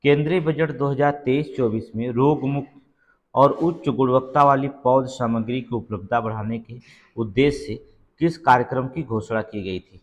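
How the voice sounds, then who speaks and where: Reading out quiz questions for exam preparation, a man speaks in a mid-range voice at a moderate pace. Each answer gets repeated, and he frequently pauses to confirm with "theek hai."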